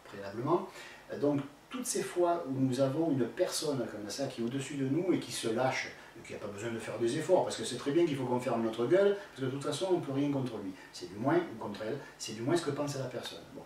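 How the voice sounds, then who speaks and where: A man's voice: mid-range voice, animated, fairly quick, a little mellow. Blunt French-speaking man in an echoey room. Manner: blunt and colloquial, with crude slang and many fillers; addresses the questioner directly by name. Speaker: spiritual teacher answering a viewer's question. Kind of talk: spontaneous spoken advice. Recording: very echoey room, voice far from the mic, faint background noise.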